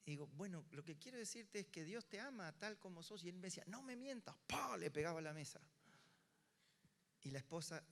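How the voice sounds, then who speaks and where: An older Argentine pastor with a Rioplatense Spanish accent preaches from the pulpit and acts out each voice in his story. His voice sits a little high for a man. The room's long reverb trails after his words. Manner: animated storyteller acting out dialogue. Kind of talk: sermon storytelling.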